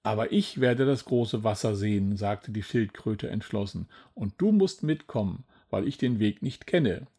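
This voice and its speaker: A man voicing a calm, determined female turtle in a storybook reading, in an easy, steady manner. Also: on the low side, unhurried, few pauses, husky, heavily acted.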